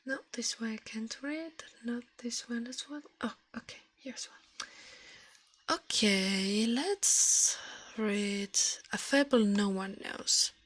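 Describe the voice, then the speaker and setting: Close to the microphone, a woman hosts a soft ASMR livestream, reading fables and chatting in a gentle, breathy whisper. Her voice is fairly high and slow, with slightly non-native phrasing and no room sound.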